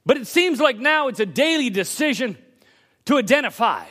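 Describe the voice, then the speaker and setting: A man preaching a sermon in a church service, emphatic, shifting between quick asides and bursts of raised voice. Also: extremely high pitch, very animated, a bit bright. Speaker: pastor.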